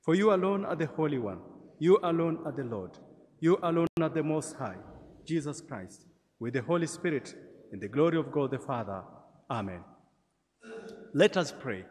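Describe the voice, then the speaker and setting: A man, a priest leading Mass in a measured, gentle way, his voice ringing with cathedral-like church echo. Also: fairly high pitch, expressive. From Tanzania. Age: 40s. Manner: gentle, measured liturgical delivery with light humor. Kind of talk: celebrating Mass. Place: large church. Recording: long church hall reverb.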